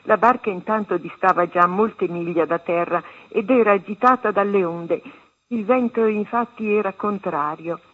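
A woman reading a meditation and a Gospel passage aloud on a religious radio program, in a measured, solemn way. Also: medium pitch, slightly rough. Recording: tinny phone-line sound.

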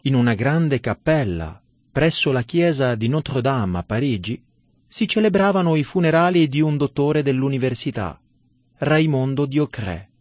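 A man reading a devotional sermon in a solemn, measured and emphatic manner. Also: mid-range voice, lively intonation, a little mellow, no room sound. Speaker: religious narrator.

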